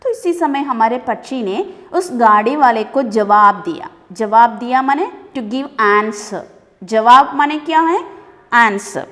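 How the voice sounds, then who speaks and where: A woman teacher with a high voice works slowly through a story for her class. She reads a line, then asks questions and glosses words in English. The voice carries a long hall reverb. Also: fairly bright tone. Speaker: school Hindi teacher. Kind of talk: classroom lesson explaining a story.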